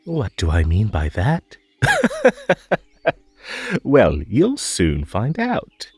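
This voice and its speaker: Man voicing slow, theatrical, possessive Ether Bunny. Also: mid-range voice, huge pitch swings, husky, faint music behind, full character voice. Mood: playful, mysterious. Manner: theatrical, coaxing, stammering, nervous giggling. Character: the Ether Bunny, possessive, whimsical, lonely male magical rabbit host. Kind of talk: roleplay audio drama monologue.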